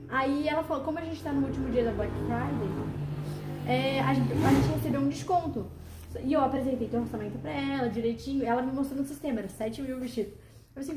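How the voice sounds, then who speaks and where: A high-pitched woman talks quickly and eagerly. She acts out every line of dialogue with feeling. Her voice is mellow in tone and sits in an echoey room with a little background hiss. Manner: animated, emotional retelling with quoted dialogue. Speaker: guest telling her testimony. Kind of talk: casual storytelling.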